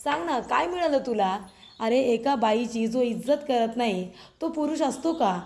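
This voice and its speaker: A woman's voice: a little high, lively intonation, normal speed, creaky, darkish tone. A woman narrating a TV serial episode recap in a voice-over, retelling the dialogue with emphatic, scolding delivery. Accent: Marathi. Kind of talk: voice-over recap, reading characters' lines.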